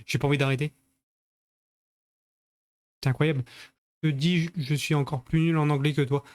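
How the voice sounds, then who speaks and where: A man's voice: a little high, fairly even intonation, normal speed, darkish tone. A man streaming a video game live, chatting with his viewers in crude, joking banter. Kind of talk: live-stream gaming commentary.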